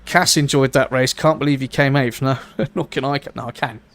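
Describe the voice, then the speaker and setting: A man in his thirties calls a live sim race in a loose, rambling, chatty way. His voice has a gravelly edge, and he laughs easily between updates. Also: medium pitch, steady tone, normal speed, fairly bright tone. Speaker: sim racing commentator. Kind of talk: live esports race commentary.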